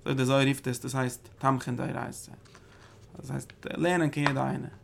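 A man's voice: medium pitch, level tone, moderate pace, vocal fry, noisy background. A man giving a religious study lecture, breaking into emphatic bursts and often repeating and restarting his phrases. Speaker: Torah teacher.

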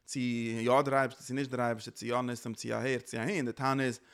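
A man's voice: mid-range voice, level tone, fast talker, fairly bright tone. A man giving a religious lecture as a teacher, earnestly circling back to restate his points.

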